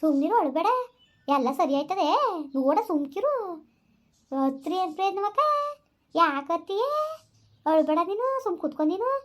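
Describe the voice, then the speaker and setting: A woman's voice: sits high, normal speed, long pauses, natural voice. A woman playing a brusque, scolding village woman. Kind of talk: village comedy skit.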